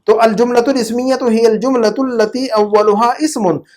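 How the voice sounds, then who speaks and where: A man's voice: extremely high pitch, fairly even intonation, moderate pace, a little mellow. A man teaching an Arabic grammar class, asking questions and repeating words for students to echo.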